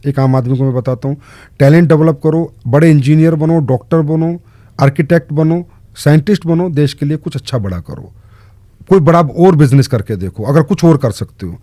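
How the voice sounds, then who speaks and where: Earnest and emphatic, this man in direct selling responds to interview questions, driving points home with short commands he repeats. He speaks at a moderate pace in a fairly high voice with a dark tone. The recording has no room sound.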